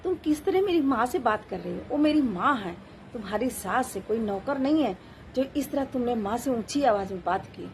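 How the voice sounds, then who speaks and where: Woman reads adult son; irritable, scolding, voice on the high side. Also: lively intonation, normal speed, darkish tone, slight background noise. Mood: reproachful. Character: adult son, short-tempered office worker.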